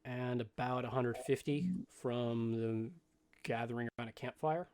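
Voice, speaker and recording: A man running a tabletop game, speaking at an ordinary middle pitch. His narration is loose and casual, with plenty of hesitations between descriptions. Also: unhurried, smooth. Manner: relaxed, filler-heavy narration. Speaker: game master.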